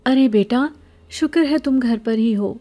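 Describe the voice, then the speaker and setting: A woman's voice: fairly high pitch, dark tone, voice pushed up, lightly acted. Woman doing a wheedling middle-aged beggar woman. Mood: pleading sweet. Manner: pleading, later harsh and scolding.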